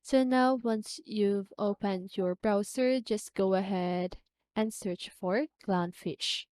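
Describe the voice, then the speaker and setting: A woman walks through a software tutorial step by step, instructing slowly in a medium-pitched voice and often checking in with a short question. The recording is dry.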